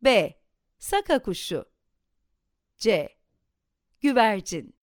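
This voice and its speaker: A woman reading a children's story aloud in an expressive, animated storytelling manner. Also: on the high side, very slow, no echo, clean studio sound.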